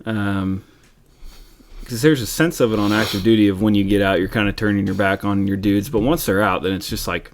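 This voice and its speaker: Host: man, lowish voice, easygoing, meanders through his questions, faint hiss. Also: steady tone. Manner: laid-back, halting questions full of fillers. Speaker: podcast host. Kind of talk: casual conversation.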